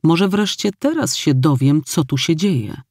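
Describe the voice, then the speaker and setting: A man reading an audiobook, voicing a hurt, quick-tempered young woman who speaks in an irritated, demanding way. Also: a little high, expressive, a little mellow, dry recording, studio quality.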